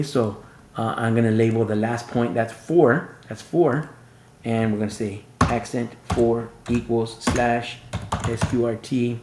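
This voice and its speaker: A man's voice: mid-range voice, a little mellow, echoey room, slight background noise. A man teaching a screen-recorded math tutorial, thinking aloud step by step and correcting himself as he goes.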